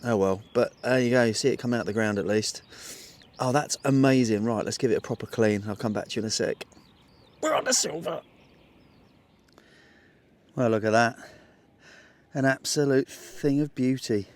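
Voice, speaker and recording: Excitable male metal-detecting vlogger outdoors. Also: mid-range voice, fairly quick. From England. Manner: chatty, excitable, talks to viewers. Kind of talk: casual outdoor vlog narration. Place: muddy field outdoors.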